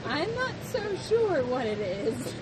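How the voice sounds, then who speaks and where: Woman, casual game player, narrating character actions, tabletop role-play, loud rumbling background. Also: big pitch swings, slow, distant mic, noisy background.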